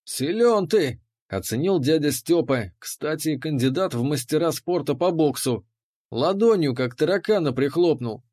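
A man narrating an audiobook in the first person, measured and dryly ironic. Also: on the high side, darkish tone.

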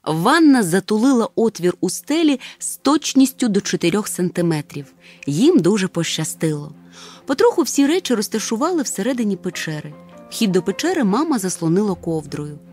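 A woman narrating a children's storybook in an expressive, lively way. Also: mid-range voice, normal speed, faint music behind. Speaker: audiobook narrator.

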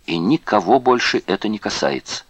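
A man's voice: on the low side, expressive, fairly quick, husky, no room sound. A man voicing an anxious male prisoner who speaks earnestly and insistently, in an audiobook reading.

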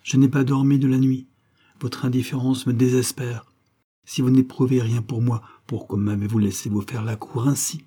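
A man's voice: mid-range voice, little pitch movement, normal speed, mellow, husky, close to an everyday voice. A man voicing an earnest, lovesick young man who pleads his love. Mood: pleading. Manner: pleading, insistent.

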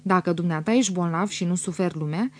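A woman's voice: fairly low pitch, darkish tone, natural voice. A woman reading a haughty army captain. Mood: haughty rebuke. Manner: haughty, lecturing. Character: arrogant, trivial army captain, a man.

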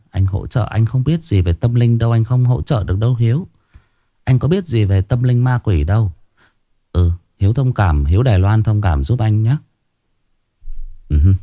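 A man's voice: on the low side, dull audio. A man, hosting a ghost story channel and chatting casually with his viewers on a livestream. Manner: chatty, addresses viewers as younger brothers, gets agitated and shouting.

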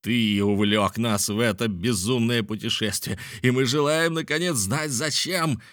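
A man's voice: mid-range voice, fairly even intonation, fairly quick, fairly bright tone, dry recording, clean studio sound, pitched above the performer's own voice, close to an everyday voice. A man voicing a stern, commanding male expedition leader in an audiobook. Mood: accusing.

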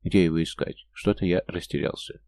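A male audiobook reader voicing a calm, wry male mage with a measured, knowing manner. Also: low-pitched. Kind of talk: audiobook character voice.

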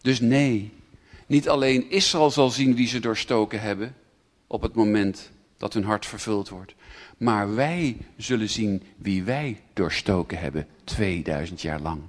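A man preaching a sermon to a gathered audience, speaking directly to them and swelling to near shouts when he reads scripture. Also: fairly low pitch, unhurried. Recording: reverberant hall recording.

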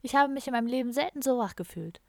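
A chatty hippie ladies' man rambles on dreamily, a bit higher and brighter than plain narration, as a woman reader plays him. The dry audiobook read stays close to the mic. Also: animated, fast, vocal fry, no room sound. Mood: dreamy. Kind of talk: audiobook character voice.

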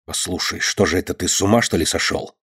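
A man doing a low, menacing outlaw chief. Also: fast talker, a bit bright, husky, exaggerated voice. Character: hardened young male outlaw chief, ruthless and urgent.

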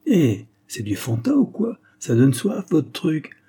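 A man's voice: mid-range voice, lively intonation, moderate pace, dark tone, slightly rough. A man voicing a big, wary, clumsy young man who jokes in slang. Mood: joking. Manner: slangy, sheepish.

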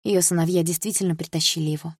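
Husky, lower-pitched woman narrator, first-person audiobook read, dry studio sound. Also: steady tone, quick pace, dry recording.

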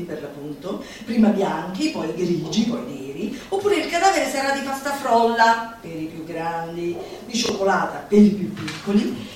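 This stage performer reads a literary text in a declamatory style, her voice sitting a little high, and now and then she turns to the audience with playful, mock-schoolteacher teasing. It was captured live by a distant microphone in an echoey hall, with the audience present and a faint hiss or hum underneath.

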